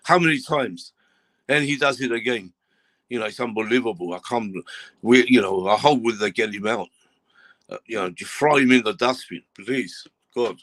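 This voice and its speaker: A man hosting a football fan show, talking in an agitated, exasperated way and getting loud. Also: lowish voice, normal speed, dry recording. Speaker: podcast host. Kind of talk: casual fan chat.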